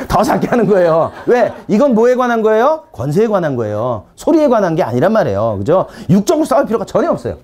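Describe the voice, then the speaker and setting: Man, pastor, sermon, high-pitched, very lively intonation, animated storytelling, quiet firm commands. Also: fast talker, few pauses. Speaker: pastor teaching deliverance ministry.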